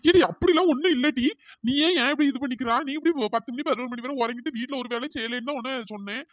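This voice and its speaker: Voice actor doing a cartoon husband, pitch-shifted, exasperated, bickering, fast, dry sound. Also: no room sound. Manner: scolding, then fawning and pleading. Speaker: cartoon character. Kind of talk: comic cartoon dialogue.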